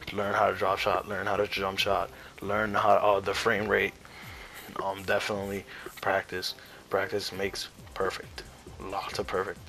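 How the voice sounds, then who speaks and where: A man's voice: on the low side, fairly bright tone, rough recording. A young man giving competitive gaming tips in casual commentary, rambling and swearing with many restarts, shivering from the cold. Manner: rambling, profane, frequent restarts. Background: faint music.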